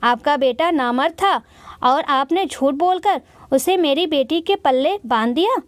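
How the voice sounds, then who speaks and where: A woman doing a livid bride's father, storybook, shouting accusations. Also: sits high, unhurried, no room sound. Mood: angry. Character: furious middle-aged father of the bride.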